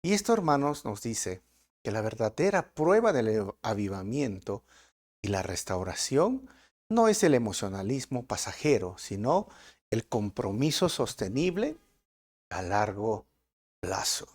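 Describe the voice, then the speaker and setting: A pastor with a Peruvian Spanish accent preaches a verse-by-verse sermon in a fairly low, unhurried voice. His delivery is animated and full of rhetorical questions.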